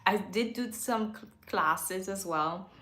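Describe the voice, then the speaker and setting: A woman's voice: mid-range voice, slow pace, bright, forceful tone. A woman hosting a casual face-to-camera livestream from a home studio, chatty, laughing often and correcting herself as she goes. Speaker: livestream host. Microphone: microphone. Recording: roomy echo.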